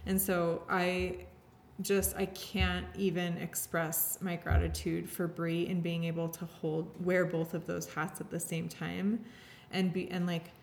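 Woman, lowish voice, earnest candid interview chat, lots of likes, bit of hiss. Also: level tone, measured pace, vocal fry, hardly any pauses. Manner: earnest, heartfelt, heavy use of "like" and restarts. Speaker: podcast guest sharing her story.

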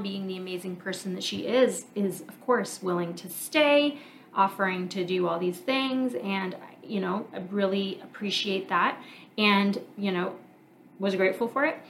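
A woman's voice: mid-range voice, a bit bright, slight background noise. A woman in her thirties hosting her own podcast, talking candidly and reflectively, thinking aloud with fillers. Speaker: podcast host, marriage coach and therapist. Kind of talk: casual personal monologue.

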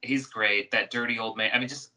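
A man co-hosting a podcast, talking casually and haltingly about a film. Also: medium pitch, steady tone, pushed and bright, rough recording. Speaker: podcast co-host. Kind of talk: casual chat.

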